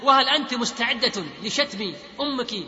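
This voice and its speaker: A probing male talk-show host putting questions, read out by a man. The voice is very high and bright. A hall echo and a dull lo-fi sound hang over it. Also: a little fast, full character voice.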